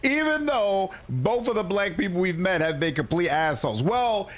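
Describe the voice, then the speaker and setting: A man's voice: high voice, lively intonation, moderate pace. A man giving casual, off-the-cuff commentary as he livestreams a game, now and then reading prompts aloud.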